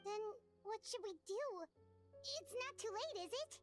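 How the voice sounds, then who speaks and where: A woman's voice: very high-pitched, animated, a little slow. A woman voicing a tiny chirpy floating companion creature who talks about herself by name, in game dialogue. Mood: curious. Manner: bubbly, refers to herself by name. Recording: game audio with music.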